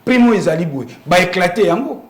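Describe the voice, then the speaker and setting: A Congolese-accented man gives lively political commentary in an interview, pressing his points and asking rhetorical questions. His high-pitched voice is expressive and brisk, with a roomy sound.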